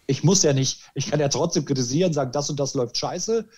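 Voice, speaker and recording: A man in casual podcast chat, voice on the higher side, animated and quick to restart his sentences. He fills pauses with plenty of hesitations and keeps talking. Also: slightly rough. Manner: animated, frequent restarts and filler words. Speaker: podcast host. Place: lives in Spain.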